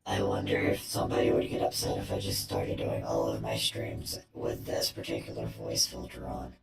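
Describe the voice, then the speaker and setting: A man's voice: extremely low pitch, completely flat delivery, normal speed, creaky. A man live-streaming in casual chat, speaking through a half-robotic cyborg voice filter and rambling as he trails off mid-thought. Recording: echoey, loud music behind.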